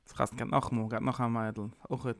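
A man's voice: medium pitch, flat delivery, fast talker, vocal fry, no room sound. A man giving an informal, rambling sermon, mixing in English words. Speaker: preacher. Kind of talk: informal Yiddish-tinged sermon.

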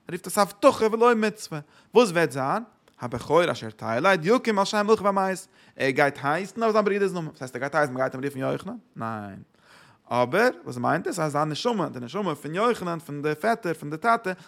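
A man gives a Torah lecture in a somewhat high, gravelly voice. He poses rhetorical questions and answers them himself, slipping English words into his explanations. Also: a bit bright.

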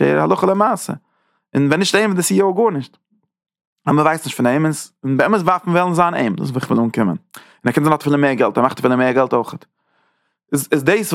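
A man teaching a religious lesson in a somewhat high, gravelly voice. He speaks haltingly, circling back and restarting phrases, then lifts his voice to press a point home. The sound is close and dry, with no room around it. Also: no room sound. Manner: halting, restarts phrases while searching for words. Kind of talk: informal spoken Torah lesson.

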